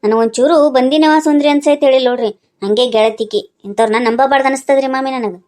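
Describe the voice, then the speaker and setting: A woman's voice: high-pitched, fast talker, a little mellow, natural voice. A woman voicing a chatty young niece in a cartoon who complains about a friend, speaking. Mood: complaining.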